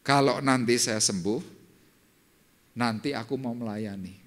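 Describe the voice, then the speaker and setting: Animated older pastor preaching. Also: male voice, unhurried. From Indonesia. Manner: animated, swings from low murmurs to loud high exclamations. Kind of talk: sermon with personal testimony. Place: church service.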